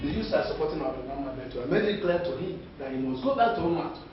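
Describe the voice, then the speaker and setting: A man's voice: fairly high pitch, lively intonation, quick pace, natural voice. A man playing an older man protesting that he had no part in a killing. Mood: pleading. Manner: protesting, pleading. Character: elder man denying a killing. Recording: dull lo-fi film audio with music.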